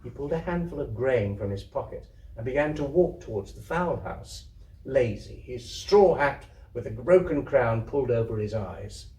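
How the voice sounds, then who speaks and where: A theatre troupe member reads a literary story aloud to an audience at an indoor community venue, his delivery dramatic and descriptive. His voice is medium-pitched, expressive and dark-toned, at a moderate pace. The room is echoey and the microphone sits at a distance.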